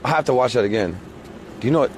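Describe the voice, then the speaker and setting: A man chatting casually and excitedly, with profane, slangy exclamations. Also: mid-range voice, rapid-fire. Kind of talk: excited casual chat during outdoor clips. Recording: noisy amateur recording.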